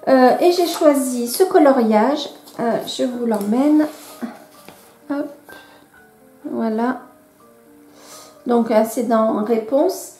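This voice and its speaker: A high-pitched woman with a soft, mellow tone talks casually to her camera, hesitating and correcting herself as she goes. Her voice rings around an echoey room. Faint music plays underneath. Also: slow, long pauses. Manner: chatty, hesitant, frequent fillers and self-corrections. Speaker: coloring vlogger. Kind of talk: casual show-and-tell vlog. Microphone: camera microphone she moves around.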